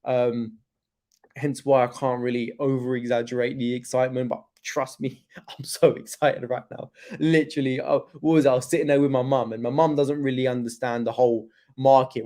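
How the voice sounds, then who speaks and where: Brief: young man, casual crypto stream host, mellow tone, fillers and slang, hip hurting. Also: mid-range voice, little pitch movement, a little fast. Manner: chatty, laid-back, loose with slang and fillers. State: in pain from his hip. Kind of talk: casual livestream chat.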